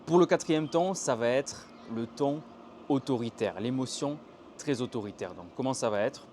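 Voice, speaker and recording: Young man from France, Mandarin teacher, chatty and animated, outdoors with faint city noise behind. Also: medium pitch, normal speed. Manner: chatty, animated demonstrations of intonation. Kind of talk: casual outdoor video lesson. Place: outdoors by a canal in a Chinese city. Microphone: handheld tripod camera.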